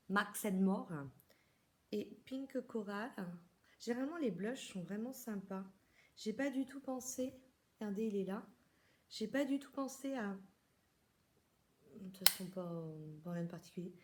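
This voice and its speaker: A woman's voice: fairly high pitch, darkish tone. Chatty French woman showing makeup. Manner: chatty, many hesitations and restarts. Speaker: beauty vlogger. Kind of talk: casual makeup haul chat to camera.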